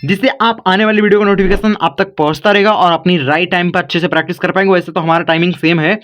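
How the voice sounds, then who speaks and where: A man's voice: high voice, fairly even intonation, quick pace, fairly bright tone. A man teaching English spelling in a casual chatty way, calling viewers brother and guys.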